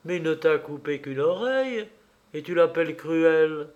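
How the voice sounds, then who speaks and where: Fairy godmother from a storybook, voiced by a man, wise, calm, gently ironic. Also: a little high, unhurried, lo-fi sound. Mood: teasing.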